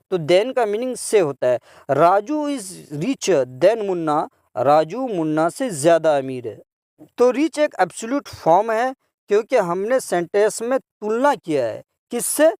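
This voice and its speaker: A man teaching English grammar to children, drilling each word form slowly and repeating it, then explaining and translating it. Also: high-pitched, darkish tone, no echo, studio quality. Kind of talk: grammar lesson.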